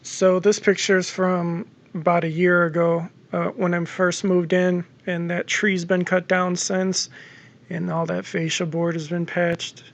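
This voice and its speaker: Man, casual DIY vlogger, flat delivery, slightly raised pitch, dry close sound, hoarse edge, swears casually. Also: measured pace. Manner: relaxed, rambling, lots of ums and uhs, swears casually. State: losing his voice. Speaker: homeowner vlogger. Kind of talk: casual home-repair vlog narration.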